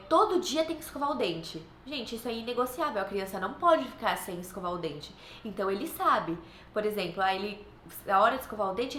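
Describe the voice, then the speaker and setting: A woman in her thirties with a Brazilian Portuguese accent gives earnest, reassuring parenting advice to other mothers in a casual vlog, her voice fairly high and fairly bright. She acts out playful voices for her kids as she talks. The room is echoey, with faint background noise.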